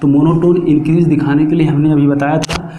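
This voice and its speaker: A man teaches a math class. He walks through each step and asks and answers his own questions. His fairly high, mellow voice carries through an echoey room, with a faint hum of background noise. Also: little pitch movement. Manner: slows down while dictating English formulas. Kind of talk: classroom lecture.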